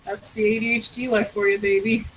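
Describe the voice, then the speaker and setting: A woman's voice: medium pitch, little pitch movement, brisk, poor audio. A young woman streamer chatting casually and rambling, laughing and swearing freely as she talks. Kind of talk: casual chat on a drawing stream call. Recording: faint background noise.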